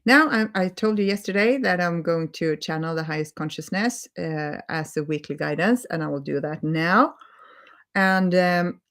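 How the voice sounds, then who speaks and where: Speaking on a live stream, this Swedish holistic healing coach talks gently and earnestly in her native Swedish accent, using repetition to stress her points. Her voice is on the low side.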